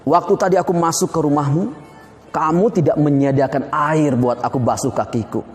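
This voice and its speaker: A man voicing Jesus as a gentle teacher in a children's Bible story, speaking calmly and patiently. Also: a little high, fairly quick, soft background music, voice pushed down, natural voice. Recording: long hall reverb.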